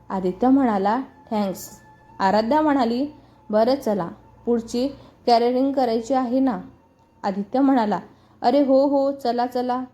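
A woman reading a serialized family story aloud, voicing all the characters' lines in her own lively storytelling voice. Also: a little high. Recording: muffled voice over background music.

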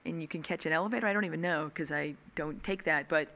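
Middle-aged woman, council member, bright voice, loose conversational remarks at a meeting, desk mic. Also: deep voice, quick pace. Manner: conversational, many ums, gestures with both hands. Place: council chamber, seated at dais. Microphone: desk gooseneck mic.

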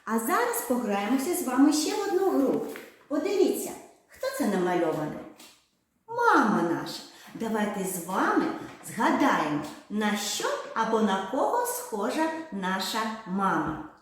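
Woman, kindergarten teacher, slow sing-song delivery, very lively pitch, echoey room. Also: slight background noise. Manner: slow, sing-song, drawn-out words for small children. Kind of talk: speech lesson for young children.

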